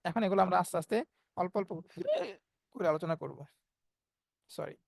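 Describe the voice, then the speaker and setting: Fast-talking male teacher. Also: high-pitched, gravelly, no room sound. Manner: explains step by step and voices the letter sounds as examples. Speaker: Quran recitation teacher. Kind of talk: online class lecture.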